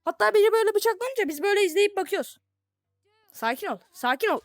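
A young woman from Turkey giving casual, playful commentary on a virtual reality game, taunting the characters in mock-friendly tones with sudden bursts of shouting. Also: very high voice, expressive, fast, no echo, clean studio sound, faint music behind. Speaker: gaming streamer.

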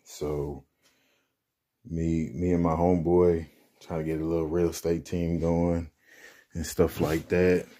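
A man's voice: low voice, level tone, unhurried, pauses often, mellow. A young man vlogging casually at home in his apartment, rambling in slang while moving furniture and a bit out of breath. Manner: laid-back, rambling with slang and restarts. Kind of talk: casual vlog chat. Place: apartment bedroom, indoors.

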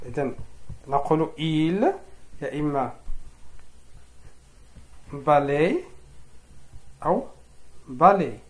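A man with a somewhat high voice walks through French verb conjugations, explaining each rule step by step and reading the forms out slowly. The recording has noticeable room echo. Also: dark tone. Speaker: French teacher. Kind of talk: explaining French grammar lesson.

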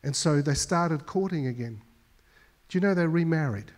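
A man's voice: fairly high pitch, expressive, moderate pace. A male pastor preaching a sermon, telling a story with emphasis and often repeating words as he goes.

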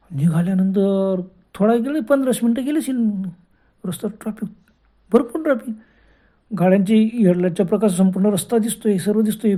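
Woman telling a spooky night-road story in a soft dark tone, easygoing and chatty, restarts mid-phrase a lot. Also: medium pitch. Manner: colloquial, unhurried retelling with restarts. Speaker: horror storyteller. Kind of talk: first-person ghost story narration.

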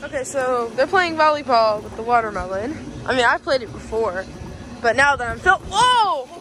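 A woman's voice: sits high, normal speed. A young woman chatting casually to viewers in a rambling, exclamatory way, often repeating herself, recorded on a handheld phone. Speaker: vlogger. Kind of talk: casual vlog chat to viewers. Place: outdoors by a backyard pool and on a street. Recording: outdoor phone recording with lively group background.

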